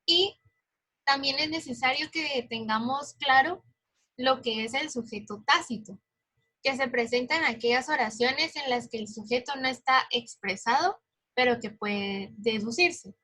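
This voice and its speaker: Woman teacher going over grammar w the class, high husky voice. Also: a little slow, pushed and bright. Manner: instructive, addresses the students directly. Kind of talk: class explanation.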